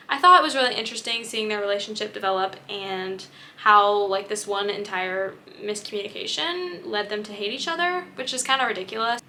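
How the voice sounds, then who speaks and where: Young woman, chatty and candid, bright voice, slightly high, faint room noise. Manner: chatty, candid, filler-heavy. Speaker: book vlogger. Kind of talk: casual chat.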